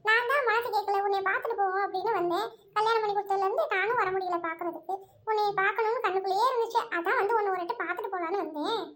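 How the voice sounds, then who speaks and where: A woman doing a fussing middle-aged aunt who talks at length and scolds her little son. Her voice is very high and her speech quick. It is a homemade family drama. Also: fairly bright tone. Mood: chatty. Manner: chatty, fussing. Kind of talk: home family drama, one narrator voicing all roles.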